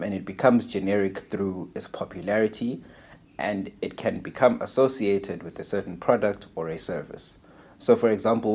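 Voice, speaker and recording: Raspy low-voiced man chatting. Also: a little mellow. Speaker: podcast co-host. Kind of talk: casual podcast chat.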